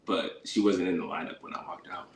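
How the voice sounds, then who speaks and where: A male livestream host reacts to his own dating-show episode, speaking casually and slangily and often sounding incredulous. His voice is deep and steady, and he talks fairly quickly. The livestream audio is roomy and echoey.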